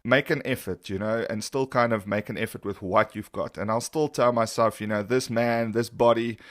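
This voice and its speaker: A man's voice: lowish voice, fairly even intonation, moderate pace, dry recording, clean studio sound. A man co-hosting a self-help podcast, talking casually and candidly in an encouraging influencer style. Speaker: podcast co-host.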